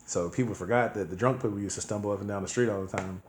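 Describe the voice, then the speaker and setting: A man in his thirties co-hosting a podcast, telling a story in casual, profane chat and acting out the people he quotes in loud bursts. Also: fairly low pitch, rapid-fire, reverberant, a little hiss or hum. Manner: profane, animated, acts out quoted voices loudly. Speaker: podcast co-host.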